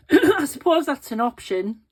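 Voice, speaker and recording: Pitched high and sing-song, her voice moves at a slow pace. She's a middle-aged resin craft host, sniffly and nasal, chatting casually and thinking aloud as she works with her hands through a tutorial.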